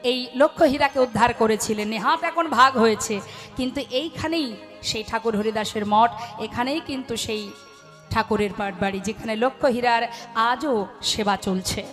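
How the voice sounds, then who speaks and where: High-voiced woman preaching over devotional music. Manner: asks the audience questions and answers them herself. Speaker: kirtan singer and preacher. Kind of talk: devotional sermon between chants. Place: evening devotional gathering before an audience. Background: devotional music accompaniment.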